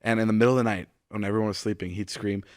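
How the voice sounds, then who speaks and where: This twentysomething podcast co-host tells rambling stories in casual conversation, full of swearing and "like." His low voice holds a steady tone while he talks rapid-fire, captured as clean studio sound with no echo.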